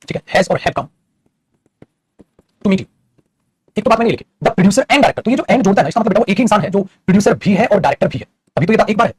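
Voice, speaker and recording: A man teaching English grammar in a lecture. He explains fast, calls his students "beta" and keeps asking if they follow. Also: high voice, slight background noise. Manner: rapid and explanatory, addresses students as "beta", often asks "theek hai?". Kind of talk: classroom lecture in Hindi mixed with English.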